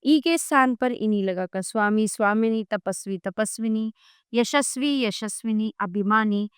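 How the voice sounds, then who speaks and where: A woman reads a grammar lesson from a textbook at a very unhurried pace, pausing after each example word. Her voice sits a little high and sounds smooth and crisp. The recording is dry and close, with no room sound. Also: no room sound. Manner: reads word lists one by one, measured. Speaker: textbook narrator. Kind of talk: slow scripted grammar reading.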